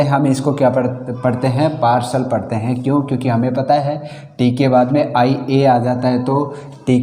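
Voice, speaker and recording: A man's voice: medium pitch, dark tone. A male teacher giving an English pronunciation lesson in Hindi. He spells words out letter by letter, then asks and answers his own questions. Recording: echoey room with long reverb.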